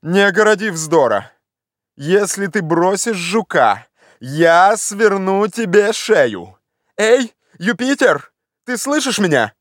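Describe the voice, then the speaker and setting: A man voicing an excitable, obsessed gentleman in an audiobook, shouting eager orders. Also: high-pitched, unhurried, dry recording, studio quality, voice pushed up. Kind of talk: audiobook character voice.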